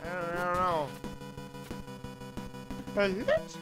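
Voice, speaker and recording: Middle-aged guy streaming games, highish voice, self-deprecating jokes, retro music behind him. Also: huge pitch swings, slow, low-quality recording. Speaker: game streamer. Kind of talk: casual live gaming commentary. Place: indoor streaming setup. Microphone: microphone on a stand.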